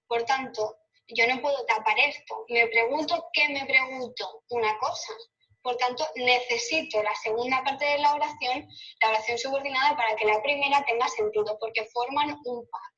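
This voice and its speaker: A woman with a Spain Spanish accent teaching a grammar lesson, explaining clearly and asking rhetorical questions. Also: fairly high pitch, bright, forceful tone, distant mic, dull audio.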